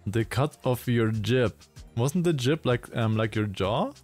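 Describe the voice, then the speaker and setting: Casual game streamer, man, slow talk, giggly and halting. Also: medium pitch, animated, darkish tone, soft background music. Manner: giggly, halting, many ums and restarts. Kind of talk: casual live gameplay commentary.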